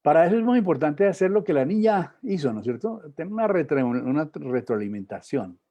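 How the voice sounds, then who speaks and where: A man's voice: on the high side, sing-song, a little fast, dark tone. A middle-aged man giving a public talk on emotions and spirituality, conversational, with many tag questions and fillers. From Colombia. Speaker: lecturer.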